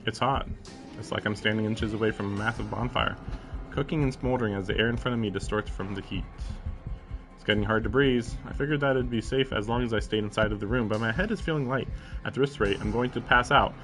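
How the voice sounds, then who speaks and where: A man live-streaming a visual novel reads the narration aloud, then breaks into casual, incredulous commentary with some swearing while game music plays. His voice is lowish and a bit bright, and he talks quickly.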